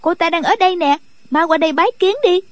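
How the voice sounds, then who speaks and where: A man's voice: very high voice, steady tone, fast talker, a bit bright, no echo, pitched above the performer's own voice. A man voicing a mischievous young girl who teases and bosses others around in an audiobook. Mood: teasing. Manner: cheeky, giggling, bossy. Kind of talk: audiobook character voice.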